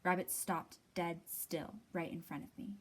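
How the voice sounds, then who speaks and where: A woman hosting storytime reads a children's picture book aloud, her voice fairly low and slightly rough. She takes her time and is very expressive, acting out phrases and pausing for dramatic effect.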